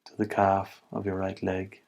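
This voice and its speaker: Guiding a body scan meditation, a man speaks in a low, gravelly voice that stays flat and even, barely rising or falling. As a calm instructor, he offers each step in short, measured phrases with gaps between them.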